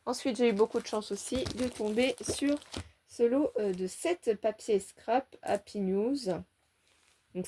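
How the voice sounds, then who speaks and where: A woman's voice: mid-range voice, mellow, a little hiss or hum. A woman chatting through a scrapbooking haul, cheerful and enthusiastic as she shows each page. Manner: chatty, enthusiastic, fond of little words like "petite" and "hein". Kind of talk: casual show-and-tell haul.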